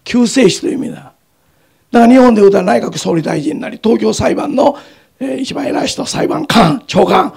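A man with a Kansai accent giving an animated lecture on scripture, acting out scenes as he goes. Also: sits high, moderate pace, vocal fry, husky. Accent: Kansai Japanese. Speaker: Bible lecturer.

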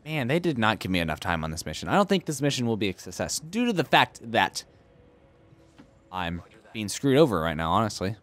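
His voice is lowish and a bit bright, swinging widely in pitch and running a little fast. A young let's play host, he casually narrates a strategy game, clowning around and debating himself in silly voices.

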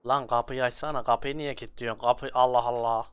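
Smooth, dry-sounding man in game roleplay. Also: medium pitch, little pitch movement, fast talker, fairly bright tone, no echo. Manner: jokey, teasing, calls out to his friend. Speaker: channel host and player in a roleplay. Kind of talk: casual game roleplay over voice chat.

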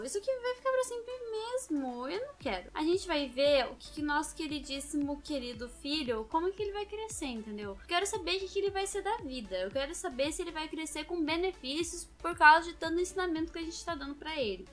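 Young woman gaming host, high bright voice, casual chatty play-by-play. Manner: chatty, talks straight to viewers. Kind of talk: casual gameplay commentary.

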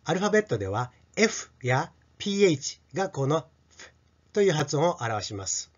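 A middle-aged man teaching pronunciation to children, stretching out each sound slowly as he demonstrates it, on a dull lo-fi recording. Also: a little high, very animated. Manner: slow, drawn-out sound demonstrations. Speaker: English teacher.

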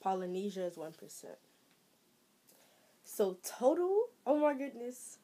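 Excitable young woman vlogger. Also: a little high, measured pace, husky. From Trinidad. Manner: excitable, exclaiming, thinking aloud while reading. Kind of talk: casual vlog, reacting to results.

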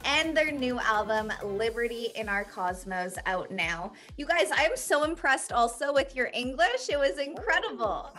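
A woman's voice: fairly high pitch, lively intonation, moderate pace, hardly any pauses, pushed and bright. A young woman hosting a video-call interview with a band from a small room, gushing and upbeat. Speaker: host. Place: small indoor room, dark backdrop.

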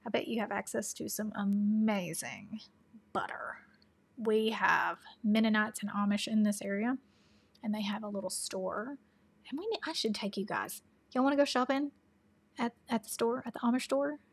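A chatty woman with a Tennessee Southern accent hosts a casual livestream and answers viewer questions. She laughs often and slips into soft asides. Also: mid-range voice, moderate pace, gravelly, breathy edge. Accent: Southern American (Tennessee).

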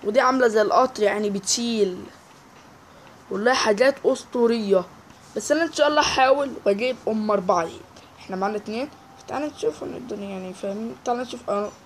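A man with an Egyptian Arabic accent giving excitable live gameplay commentary, repeating words in quick bursts. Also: high-pitched, a little hiss or hum, rough recording. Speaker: gaming YouTuber.

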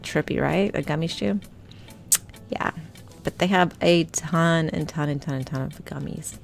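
A woman's voice: sits low, moderate pace, gravelly, faint music behind. A woman vlogger chatting casually to her viewers about her shopping finds, rambling and talking straight to them. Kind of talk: casual shop-with-me voice-over.

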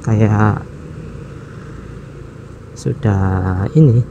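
A man with a lowish, gravelly voice, heard in lo-fi sound, hosts a motovlog from his motorcycle in city traffic. He muses aloud at an easy pace, chuckling as he wonders where to ride, and traffic and engine noise fill the background.

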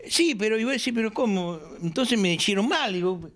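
Older argentine guy telling stories in his workshop, high voice that jumps around a lot. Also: fairly quick. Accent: Argentine Spanish. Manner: animated storyteller who acts out quoted dialogue. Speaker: aircraft builder interviewee. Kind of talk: casual interview in his workshop.

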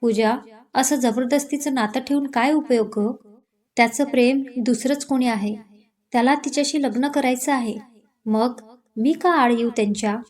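A woman voicing a gentle, heartbroken young bride who speaks quietly and resignedly, in a storybook reading. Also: high voice, moderate pace, lightly acted. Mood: sad.

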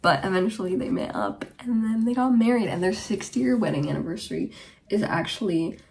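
A German woman of about twenty hosts her podcast from a small indoor bedroom, rambling chattily to camera and drifting off on tangents. Her medium-pitched voice is gravelly and a little mellow, and she speaks fairly quickly.

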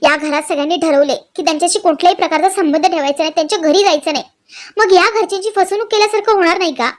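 A woman voicing a gentle, anxious young daughter-in-law who pleads and refuses in a dramatized story reading. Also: very high-pitched, racing. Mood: explaining. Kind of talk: dramatized serial recap reading.

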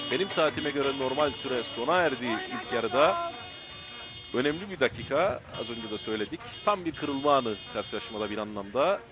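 A man giving live football play-by-play, bursting into loud, excited shouts at key moments. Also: mid-range voice. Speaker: football match commentator.

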